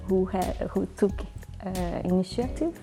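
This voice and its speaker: Halting woman guest. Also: medium pitch, gravelly, dark tone. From Brazil. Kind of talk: casual talk show chat.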